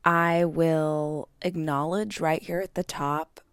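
A woman's voice: low voice, fairly even intonation, slow pace, no room sound. A woman hosting a chatty solo podcast, her voice scratchy and swollen-sounding from strain, speaking candidly and directly to listeners. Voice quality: scratchy, swollen-throated hoarse voice. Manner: candid, self-deprecating, addresses listeners directly. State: vocally strained from hours of speaking on tour. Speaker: podcast host. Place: hotel room.

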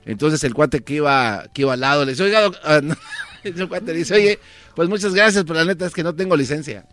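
A man on a radio comedy show retelling a joke quickly and joking around, acting out its characters. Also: fairly high pitch, a bit bright, faint music behind.

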